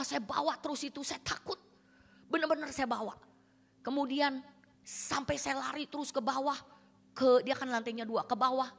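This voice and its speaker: A woman pastor delivers a sermon, telling a personal story with dramatic, colloquial flair. Her voice sits fairly high, and it rings out in a reverberant church hall with faint music underneath. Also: creaky, a bit bright.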